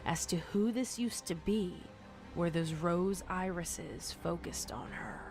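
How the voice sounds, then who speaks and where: This horror narration comes from a woman with a lowish voice who takes her time reading the scripted story. Music sits beneath her words.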